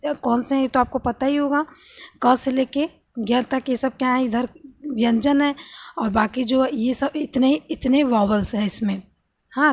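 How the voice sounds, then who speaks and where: A woman teacher patiently explaining a grammar lesson, often asking her students questions and answering them herself. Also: on the high side.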